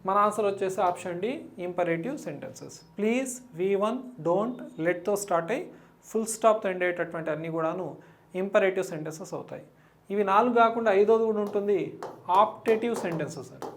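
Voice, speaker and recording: Female English teacher with a Telugu accent, mid-pitched voice, exam-prep lesson, reads the questions slowly. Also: a little hiss or hum.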